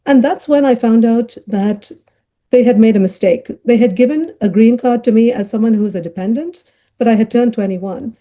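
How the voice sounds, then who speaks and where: A woman's voice: a little high, moderate pace, mellow. A middle-aged woman who grew up in Ghana, telling her life story as a podcast guest in a chatty way with many fillers and laughs. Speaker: guest, child psychiatrist. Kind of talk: conversational storytelling interview.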